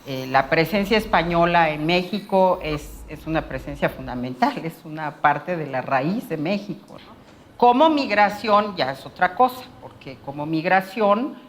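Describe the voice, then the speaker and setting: A woman speaking as an expert interviewee, in a measured, explanatory way. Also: low voice, expressive, slight background noise.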